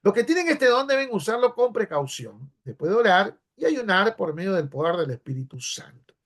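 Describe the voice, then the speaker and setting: Lively, high-voiced Peruvian pastor. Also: male voice, moderate pace. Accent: Peruvian Spanish. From Peru. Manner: conversational, checks in with listeners. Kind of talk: sermon-style teaching class.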